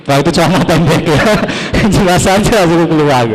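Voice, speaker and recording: Young guy from java doing standup, high voice, lively storytelling, echoey hall sound. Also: moderate pace. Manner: animated storytelling, acting out dialogue. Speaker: stand-up comedian. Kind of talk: stand-up comedy set. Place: stage of a TV comedy show. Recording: reverberant stage hall.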